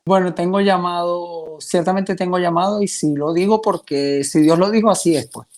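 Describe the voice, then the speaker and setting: A man's voice: high voice, fairly even intonation, moderate pace, a little mellow. A man in his twenties from Venezuela with a Venezuelan accent, giving his faith testimony in a hesitant, earnest way with many restarts. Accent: Venezuelan Spanish. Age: 20s. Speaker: testimony guest.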